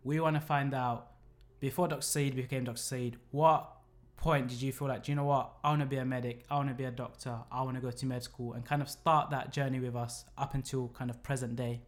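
A man's voice: medium pitch, level tone, a little fast. A man hosting a casual podcast interview in a friendly, upbeat way. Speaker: podcast host.

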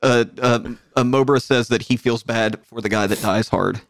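A man's voice: mid-range voice, fairly even intonation, normal speed, creaky, no echo, studio quality. A man co-hosting a podcast in casual banter, cracking jokes and slipping into goofy accents and impressions. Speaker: podcast co-host.

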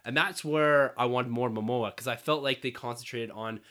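A man hosting a casual film review chat, his raspy voice hoarse from a cold and breaking into squeaks. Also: moderate pace, fairly bright tone. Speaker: podcast film review host.

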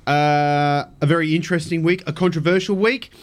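A man's voice: fairly high pitch, steady tone, normal speed. An Australian man hosting casual radio chat in a blokey, slangy tradesman manner. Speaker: radio fishing show host. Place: radio studio.

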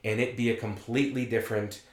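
A man talks eagerly and at length as a podcast guest, his thoughts spilling out with plenty of filler words. His voice sits at an ordinary pitch. The room has a clear echo. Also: little pitch movement, fast, crowd noise. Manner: enthusiastic, rambling with many "like"s. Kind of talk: casual chat.

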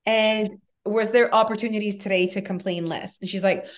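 A woman's voice: mid-range voice, normal speed. A woman co-hosting a podcast in casual chat, telling stories animatedly and acting out what people said. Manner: animated storyteller, acts out quoted talk. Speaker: podcast co-host.

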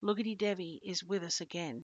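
A tactful, sincere middle-aged man, as a woman narrator puts him on talks in a gentle, measured way. The audio is muffled and dry, with no room sound. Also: lowish voice, husky, dry recording. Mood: convinced. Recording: dull lo-fi dry recording.

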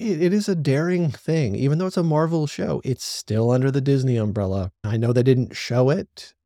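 On a solo podcast, a male host reviews a TV series, thinking his views through aloud in an opinionated, analytical way. His voice is medium-pitched and warm, recorded dry with studio quality.

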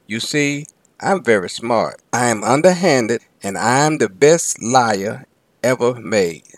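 A cold, boastful devil, as a male storyteller puts him on, drawls each gloating line slowly. The voice sits in a middle register. It is recorded dry and close, with no room around it. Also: medium pitch, animated, dry recording.

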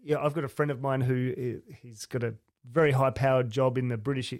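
A man hosting a casual conversational interview, talking reflectively with halting phrasing. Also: mid-range voice, fairly even intonation, a little mellow. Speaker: podcast host interviewing a guest.

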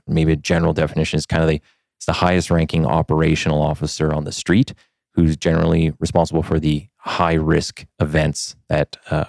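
A man's voice: extremely low pitch, darkish tone, no room sound, studio quality. A man hosting a podcast, introducing his guest and asking friendly, easygoing questions with plenty of fillers. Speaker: podcast host. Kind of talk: conversational podcast interview.

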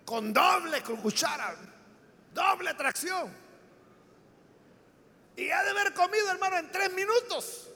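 High-voiced preacher man in reverberant hall. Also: lively intonation, measured pace, gravelly, pauses often. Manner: dramatic storytelling, acting out quoted voices, bursts of shouting. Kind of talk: sermon.

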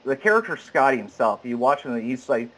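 A man in his thirties, an actor chatting as an interview guest, animated, laughing often and slipping into voices. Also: mid-range voice, a little fast, low-quality recording. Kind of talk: casual interview chat.

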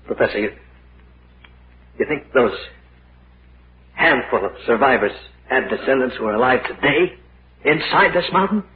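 An actor playing a frightened young explorer recounting his ordeal in an old-time radio horror drama, halting and dramatic. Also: medium pitch, animated, close to an everyday voice. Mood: uneasy, questioning. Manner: dramatic, halting when afraid. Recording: muffled, noisy old radio recording.

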